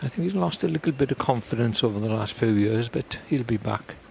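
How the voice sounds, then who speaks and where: A man giving conversational live snooker commentary in an informal, unhurried manner. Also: medium pitch, animated, gravelly, a little mellow, slight background noise.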